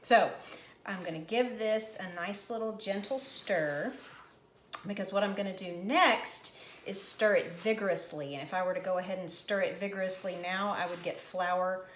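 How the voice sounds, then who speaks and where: A woman's voice: medium pitch, moderate pace, reverberant, slight background noise. Chatty woman hosting a kitchen video. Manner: chatty, explains each step as she goes. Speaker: cooking channel host. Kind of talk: casual cooking demonstration. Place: home kitchen.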